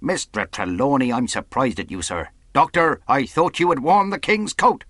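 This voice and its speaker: A man's voice: mid-range voice, sing-song, measured pace, a bit bright, dry recording, studio quality, pitched above the performer's own voice. A man voicing a stern, defiant sea captain in an audiobook, with clipped, authoritative, emphatic delivery. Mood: angry, reproving. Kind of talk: audiobook character acting.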